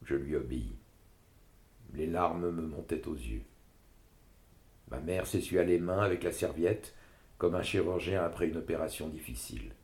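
A man reading a literary story aloud, expressive and dramatic. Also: sits low, normal speed, long pauses. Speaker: narrator. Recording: roomy echo.

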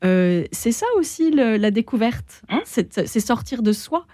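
A woman speaks thoughtfully as a guest on a radio discussion, pausing to find her words. Her voice is mellow and warm. The sound is close and dry. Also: fairly high pitch, animated, dry recording.

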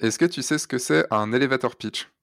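Male podcast host, mid-pitched, chatty and teasing. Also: fairly quick, gravelly, a bit bright. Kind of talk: podcast interview intro.

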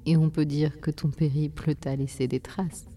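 A woman voicing Time, an old being living inside a stone, speaking softly, deeply and slowly. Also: a little hiss or hum, close to an everyday voice. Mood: calm, slow. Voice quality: soft and deep. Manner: slow, calm, unhurried.

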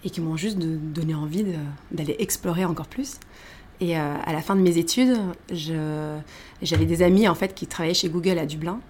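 A woman in her thirties tells her career path in a casual interview, in a fairly low voice. She talks animatedly, with many fillers and restarts. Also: a little fast, a little mellow, slight background noise. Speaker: guest.

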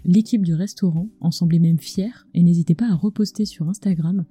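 Bright woman storyteller, close in the ear. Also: fairly low pitch, brisk, slightly rough, dry recording, soft background music. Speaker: podcast host, culinary storyteller. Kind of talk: scripted storytelling narration. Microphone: close microphone with acoustic screen.

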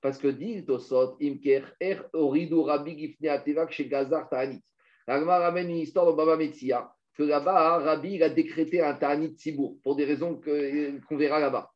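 Higher-voiced man teaching a Talmud class. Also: normal speed. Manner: lively, mixes Hebrew and Aramaic quotes into explanations. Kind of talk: study-class Talmud lesson. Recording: muffled lo-fi recording.

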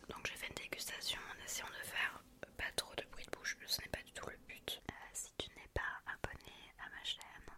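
A woman hosting an ASMR video, whispering breathily right up close in the ear, chatting casually and intimately to one listener. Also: normal speed. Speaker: ASMR video creator and host.

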